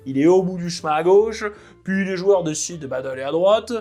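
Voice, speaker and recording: A man hosting a casual video essay on tabletop role-playing, chatty and lively, full of fillers. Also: high voice, moderate pace, faint music behind. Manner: chatty, lively, drops fillers like "bah" and "hein". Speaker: tabletop RPG video host.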